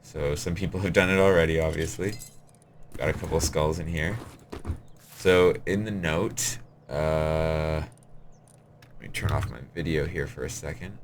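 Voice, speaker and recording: A man with a very deep, low-pitched voice talks through a game he built. He rambles and hurries, explaining puzzle after puzzle in a casual way. A faint hiss sits under his voice. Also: fairly even intonation, a little slow. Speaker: game server admin.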